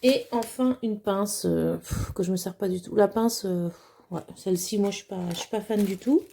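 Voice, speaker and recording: A woman's voice: mid-range voice, normal speed, gravelly, warm tone, a little hiss or hum. A woman chatting casually as she unboxes a craft kit at home, hesitant with many fillers and plainly enthusiastic. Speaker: crafting vlogger.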